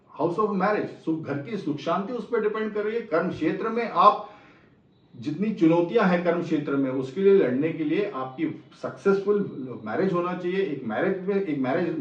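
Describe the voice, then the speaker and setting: A middle-aged man gives an explanatory lecture as an astrologer, mixing phrases into his Hindi and repeating his key points. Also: on the high side. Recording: roomy, distant, slightly dull sound.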